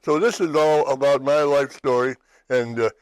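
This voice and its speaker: A man's voice: mid-range voice, normal speed, smooth, no echo, low-quality recording. Rambling male talk show host. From western Pennsylvania, USA. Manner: rambling, restarts, keeps asking "right?". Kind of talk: personal testimony chat.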